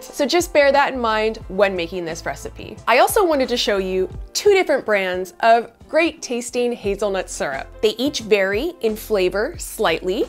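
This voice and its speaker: Upbeat woman hosting a drink tutorial. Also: on the high side. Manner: bright, upbeat step-by-step explaining. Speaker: bubble tea recipe host. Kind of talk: scripted cooking tutorial. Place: indoor studio kitchen set. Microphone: lapel mic. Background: soft background music.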